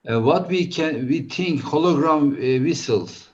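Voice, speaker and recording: A man chairing an online conference session over a video call, speaking haltingly with many hesitations. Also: a little high. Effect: heard over a video call. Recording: dull video-call audio.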